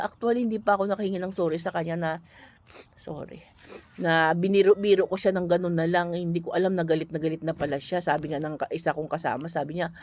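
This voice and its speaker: A woman's voice: on the low side, darkish tone. A woman from the Philippines working abroad, telling an earnest, conversational story straight to her viewers. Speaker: overseas worker and vlogger. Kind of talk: casual storytelling monologue.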